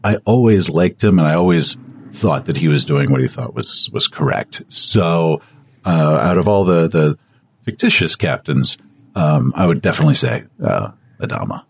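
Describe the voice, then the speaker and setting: A man with a very low, husky voice talks in a loose, rambling way, stumbling over filler words. The sound is dry and close, with a slight breathy grain to his voice. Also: lively intonation, moderate pace, no room sound. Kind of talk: casual chat.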